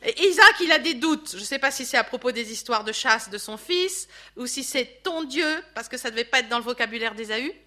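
A woman leading a Bible study, telling the story in a lively way with chatty asides to her listeners. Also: a little high, fairly quick, few pauses. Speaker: Bible teacher.

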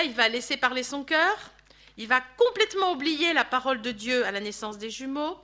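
A woman with a bright, clear voice that sits a little high leads a Bible study. She tells the story with lively energy and drops chatty asides to her listeners as she goes. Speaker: Bible teacher.

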